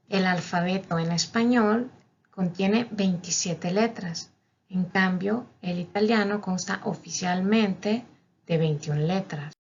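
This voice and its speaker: A woman teaching a language lesson, carefully spelling out each letter and example word. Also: medium pitch. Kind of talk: slow, methodical teaching. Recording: dull, lo-fi recording.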